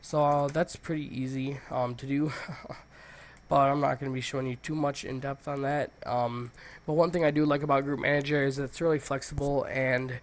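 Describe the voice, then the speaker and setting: Male tutorial host, mid-pitched, congested with a cold, loose and informal delivery. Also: flat delivery, moderate pace. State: congested, stuffy nose from a cold. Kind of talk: casual software tutorial, screen walkthrough.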